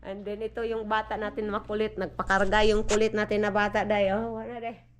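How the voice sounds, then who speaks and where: A woman's voice: medium pitch, flat delivery, brisk, a little hiss or hum. A Filipino mother with a Visayan accent, chatting casually on a home vlog and cooing to her baby. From Philippines. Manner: chatty, mixes languages, coos at the baby. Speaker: vlogger and mother. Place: family home indoors.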